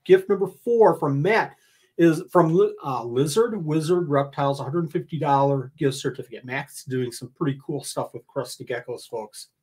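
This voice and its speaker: Older man, husky voice, slightly high pitch, chatty joking livestream host, casual giveaway announcements. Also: moderate pace, a little mellow. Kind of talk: casual giveaway announcement, reading out gift list. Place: indoor room, livestream.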